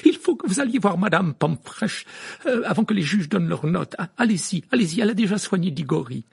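A man voicing a stern older woman professor who urges a pupil along briskly. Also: high voice, lively intonation, creaky, slightly rough, pitched above the performer's own voice, exaggerated voice. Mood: urging.

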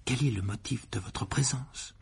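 A man voicing a polite, awkward young wizard who speaks in a hushed, hesitant voice, with a creaky, husky tone. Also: mid-range voice, normal speed, pitched above the performer's own voice.

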